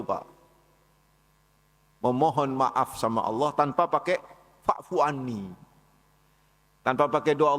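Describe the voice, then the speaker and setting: A man's voice: mid-range voice, fairly bright tone. A man giving a casual, conversational talk at a dawn study session in a mosque, often calling on his listeners directly. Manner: conversational, addresses listeners as "Pak" and "saudara" often. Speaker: preacher. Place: large mosque hall. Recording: long hall reverb.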